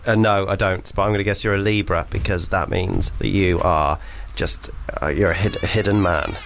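A man's voice: moderate pace, a little hiss or hum. Playful male radio host. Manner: playful, teasing, jumps to a high squeal when excited. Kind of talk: comedic banter.

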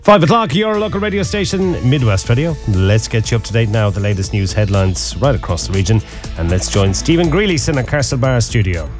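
A man's voice: medium pitch, lively intonation, brisk, over music. An Irish man presenting live on local radio, linking items and reading the weather.

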